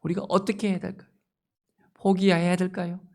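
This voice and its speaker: Man, pastor, fervent sermon, high voice, rough gravelly edge, loud-to-whisper swings. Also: monotone, fairly quick. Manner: impassioned, swinging from loud exclamations to near-whispers; rhetorical questions with interjected "eh?".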